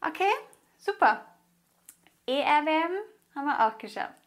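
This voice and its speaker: A woman's voice: high-pitched, expressive, a little slow. A woman teaching a grammar lesson in a patient, encouraging way, spelling things out and repeating. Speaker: language teacher.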